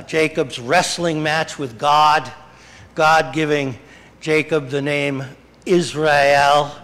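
A middle-aged man preaching a sermon as pastor in a small church, unhurried and often correcting himself mid-sentence. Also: a little high, fairly bright tone. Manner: slow, unhurried delivery with frequent self-corrections. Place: small church sanctuary, indoors.

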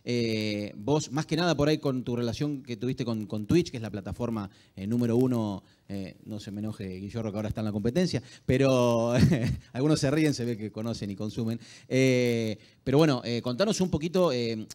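A man with an Argentine accent moderating a live conference panel in a halting way, often repeating words. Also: medium pitch, darkish tone. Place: large auditorium stage, indoors. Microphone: handheld microphone.

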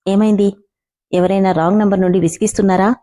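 A serious, worried young husband on the phone in a spoken story, read by a woman narrator. He speaks steadily, in a mellow, darker voice. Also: medium pitch, fairly even intonation, fast, close to an everyday voice. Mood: concerned. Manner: serious, concerned.

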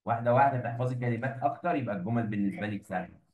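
A man's voice: mid-range voice, very fast, phone-quality sound. A man with an Egyptian Arabic accent teaching an English revision lesson to a class, patiently coaxing students and repeating key points. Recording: echoey room, mic at a distance.

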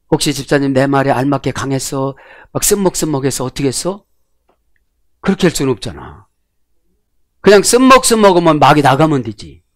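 A man preaching in an animated way. His voice sits fairly high and leaps up and down as he moves from emphatic shouts to low, confiding remarks. The sound is dry and close, with no room echo. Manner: animated preaching, swinging between loud exclamations and low asides. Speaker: pastor. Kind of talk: sermon.

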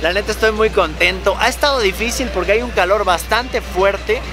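A man's voice: sits high, normal speed. A man in his thirties with a Mexican accent, casually vlogging as he walks an outdoor flea market and banters with vendors. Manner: chatty, slangy, bantering with vendors. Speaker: vlogger and toy collector. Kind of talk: casual walk-through vlog. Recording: loud music behind. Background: market music.

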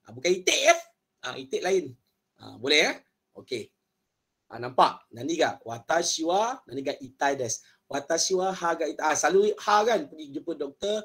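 A man's voice: a little high, big pitch swings, normal speed, a bit bright, breathy edge. Playful man teaching Japanese. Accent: Malaysian. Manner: playful, joking, drills words by repetition. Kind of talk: online language class.

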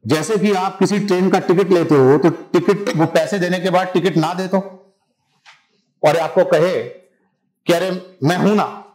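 A man's voice: high-pitched, fairly even intonation, measured pace, pauses often, darkish tone, roomy sound, low-quality recording. A man teaching a civil services exam class in a conversational lecture style, often checking that his students follow him.

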